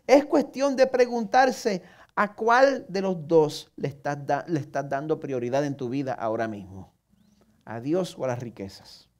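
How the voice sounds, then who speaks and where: A pastor from Puerto Rico with a Puerto Rican accent, he speaks in a slightly high, animated, unhurried voice that's a little mellow. His sermon is earnest, he puts questions straight to the listener, and he leans on self-mocking humor.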